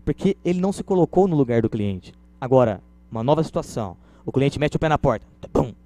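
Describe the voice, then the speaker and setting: A man's voice: mid-range voice, lively intonation, fast talker, dark tone. A Brazilian man giving a conversational lecture, illustrating points with everyday stories. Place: lecture room.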